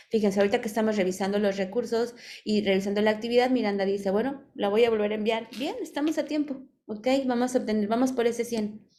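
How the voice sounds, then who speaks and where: A Mexican woman working as a virtual class advisor guides students through an online lesson in a higher, slightly mellow voice. She reads the on-screen instructions and explains them patiently, sounding affectionate toward her students.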